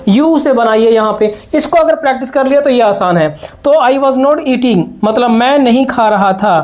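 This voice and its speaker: A man teaching spoken English with an Indian accent. He explains in quick bursts and repeats drill sentences slowly. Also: extremely high pitch.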